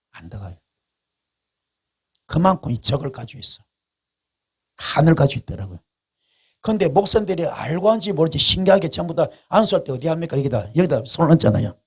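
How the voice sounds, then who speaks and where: A man's voice: fairly high pitch, breathy edge. A male pastor preaching a revival sermon in a colloquial storytelling way, repeating phrases for emphasis. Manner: colloquial, animated storytelling with repetition.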